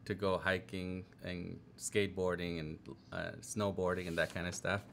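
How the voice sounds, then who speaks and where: A man in his thirties hosting an interview over a video call, easygoing and quick to laugh, speaking through headphones with a mic in a room with a plain wall. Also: low-pitched, flat delivery, creaky, a bit bright. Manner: easygoing, laughs often, prompts with short replies. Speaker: interview host. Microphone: over-ear headphones with mic on a video call.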